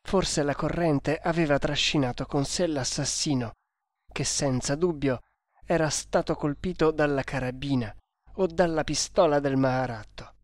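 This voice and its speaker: A man reading a novel aloud as scripted audiobook narration, deliberate and measured. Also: on the high side, no echo, clean studio sound.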